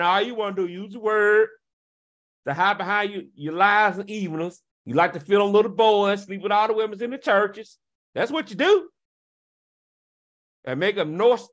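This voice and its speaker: A man delivering a confrontational rant, firing taunting rhetorical questions and scoffing laughs, swinging from loud jeers to low, slow muttering.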